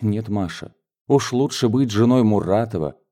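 A man's voice: lowish voice, lively intonation, moderate pace, dark tone, lightly acted. A man reading an audiobook, voicing a spirited young woman who reproaches her older sister. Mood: reproachful. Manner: heated, pleading reproach.

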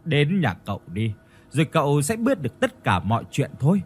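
A man voicing a calm, wise village healer in a ghost story. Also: a little high, a little fast, slightly rough, soft background music, exaggerated voice.

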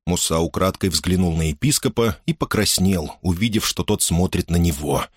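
A man reading an audiobook aloud in an expressive, dramatic style. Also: low-pitched, normal speed, husky, no echo, clean studio sound. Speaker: audiobook narrator. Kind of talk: scripted audiobook narration.

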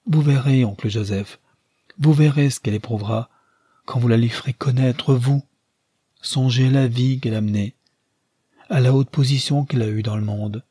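A man's voice: mid-range voice, fairly even intonation, normal speed, mellow, breathy edge, no echo, natural voice. A man voicing a guilt-ridden, anguished dying woman in an audiobook reading. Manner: anguished, questioning.

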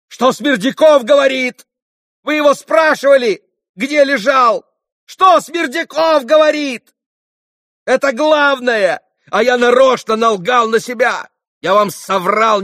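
A man voicing a hot-tempered young man accused of murder, who shouts breathless protests in an audiobook. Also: very high-pitched, no echo, clean studio sound, pitched above the performer's own voice, full character voice.

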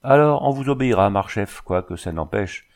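A man's voice: fairly low pitch, animated, normal speed. A man reading a boastful, fussy French army dragoon in an audiobook, raising his voice for the role. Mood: brash. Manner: fussy, keeps repeating a title.

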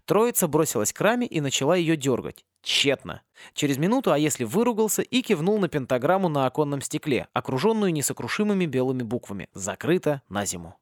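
A man narrating a comic fantasy audiobook in an expressive reading. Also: fairly high pitch, fairly quick, no echo, clean studio sound. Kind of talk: scripted narration.

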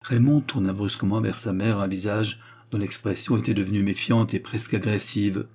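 A man reading a novel aloud as narrator in a steady, measured way. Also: on the low side, husky. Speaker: audiobook narrator.

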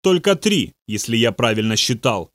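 A man's voice: mid-range voice, sing-song, normal speed, fairly bright tone, no room sound, studio quality. A man voicing a male pastor who gives firm commands during an exorcism. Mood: commanding.

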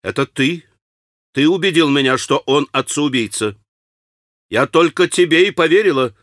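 A male reader puts on a proud young woman, urgent and commanding. Her voice lifts higher and louder than the narration and presses forward. The audiobook recording is dry and close. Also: normal speed, no room sound, natural voice. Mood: bitter. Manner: urgent, pleading.

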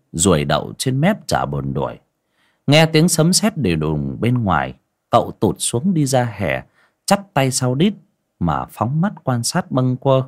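A man, reading a village story as an expressive audiobook narrator. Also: mid-range voice.

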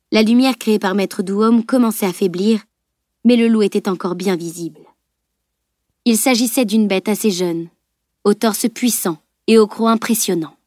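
A woman narrates an adventure novel at a measured, steady storytelling pace. Her voice sits in a middle register. The recording is close and dry, with no room sound. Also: medium pitch, no echo. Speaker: audiobook narrator. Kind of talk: scripted narration.

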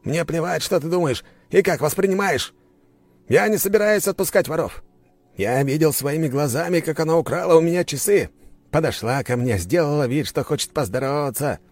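A man's voice: a little high, darkish tone, pitched above the performer's own voice. A man voicing an arrogant, hysterical male aristocrat who screams and stammers in accusation.

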